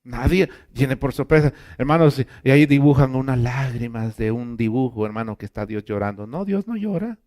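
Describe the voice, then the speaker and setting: A man preaching a sermon as pastor, emphatic, rising to loud exclamations and dropping to quiet asides, often calling his listeners brothers. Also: mid-range voice, expressive, normal speed, few pauses. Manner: keeps addressing listeners as brother.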